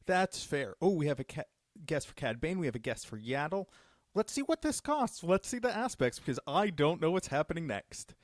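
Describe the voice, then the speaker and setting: A man's voice: fairly high pitch, lively intonation, fairly quick, no echo, clean studio sound. A man hosting a live stream Q&A, casually revealing cards with enthusiasm. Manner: enthusiastic, upbeat card reveals. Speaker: judge program host.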